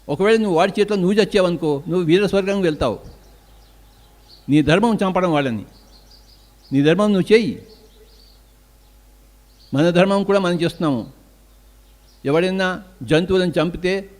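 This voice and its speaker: A man's voice: sits high, moderate pace, long pauses, darkish tone. An older man with a Telugu accent giving an emphatic spiritual discourse as a meditation teacher, asking questions and answering them himself.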